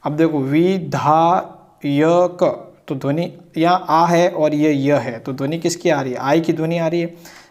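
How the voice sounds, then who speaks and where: A man's voice: fairly high pitch, fairly even intonation, a little mellow. A grammar teacher who explains step by step, stretches out sounds as he writes them, and keeps asking "ठीक है ना". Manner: repetitive, checks in with "ठीक है ना"; drawn-out spelling of sounds. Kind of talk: blackboard grammar lesson.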